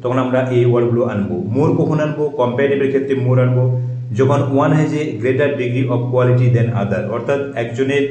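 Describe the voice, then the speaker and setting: A man explains a grammar lesson in a warm, mellow voice. He asks questions and answers them himself, and he reads example sentences slowly and carefully. The sound is echoey, as from a bare room. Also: mid-range voice, steady tone, lo-fi sound, slight background noise. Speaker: English grammar teacher.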